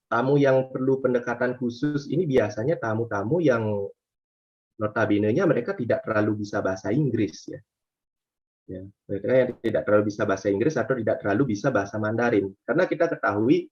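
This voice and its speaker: A man, a tour guide, talks through his answers in a casual, hesitant way, full of fillers and restarts, and he livens up when he mimics his guests. His voice sits at an ordinary middle pitch, and the recording sounds slightly dull and lo-fi.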